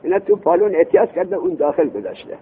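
Male grammar teacher, high and husky, animated lecture, reads text then explains, tinny lo-fi recording. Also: slight background noise. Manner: animated, reads Arabic text aloud then explains it, asks rhetorical questions.

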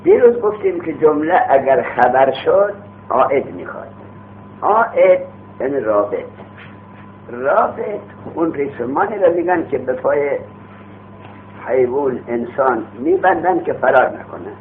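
Lively man teaching grammar, tinny hum. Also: mid-range voice, long pauses. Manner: explains by asking questions and answering them himself; uses everyday street examples and acts out vendors calling. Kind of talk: classroom lecture on a grammar text. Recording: tinny phone-like audio with faint hum.

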